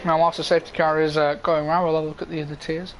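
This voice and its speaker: A man's voice: on the high side, little pitch movement, very fast, a little hiss or hum, rough recording. A man giving informal live motorsport commentary on an online racing game.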